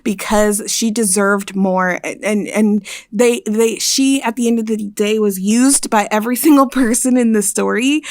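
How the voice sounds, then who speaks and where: A woman's voice: medium pitch, steady tone, a little slow, few pauses, darkish tone, dry recording, clean studio sound. A woman co-hosting a casual book podcast, chatty, with frequent "like" fillers and restarts. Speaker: podcast co-host.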